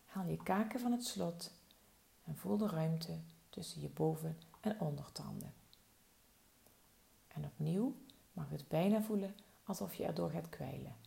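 Woman, guided relaxation, soft and soothing, very gravelly, low voice. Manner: slow, soft, soothing instructions. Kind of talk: guided body-relaxation meditation.

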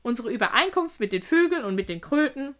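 A squeaky, metallic-sounding old spider queen, as a woman reads her aloud. She stays calm and matter-of-fact, pitched well above an already high voice, and she speaks up firmly. This is a spoken storybook. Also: fairly quick. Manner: higher and louder than her reading voice.

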